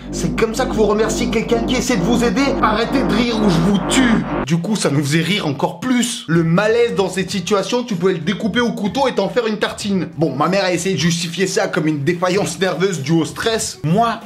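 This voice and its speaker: A man's voice: high-pitched, a little fast, few pauses, soft background music. A young man from Russia with a Russian accent, telling a joking personal story on his vlog with slangy asides. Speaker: YouTuber.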